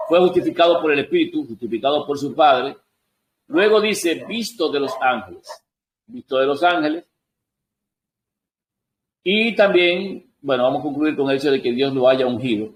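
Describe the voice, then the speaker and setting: A man's voice: medium pitch, low-quality recording. A man giving a Bible study lesson, reading verses aloud and answering his own questions. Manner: adjusts on-screen text while talking. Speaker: Bible teacher.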